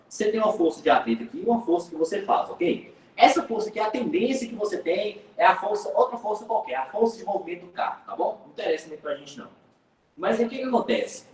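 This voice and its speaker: A man teaching physics in an online class, lively and joking, speaking with a Brazilian Portuguese accent and calling students by name. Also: high-pitched, roomy sound, recorded from a distance, rough recording.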